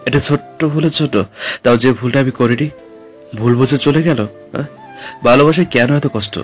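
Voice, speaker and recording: A man's voice: mid-range voice, moderate pace, soft background music, lightly acted. A man voicing a heartbroken young man who speaks in an anguished, mournful way in an audio drama. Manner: anguished, self-pitying.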